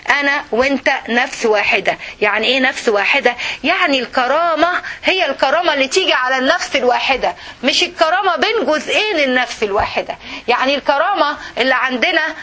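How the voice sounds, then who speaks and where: Brief: Egyptian woman religious teacher, high bright voice, quick and animated delivery. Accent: Egyptian Arabic. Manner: animated, asks the class "okay?" often. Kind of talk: Islamic lesson to women.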